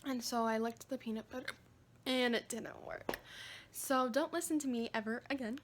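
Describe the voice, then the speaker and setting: Young woman vlogging with hiccups, kinda high voice, lots of noise behind her. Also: normal speed. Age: young adult. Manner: chatty, self-mocking. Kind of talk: casual vlog chat.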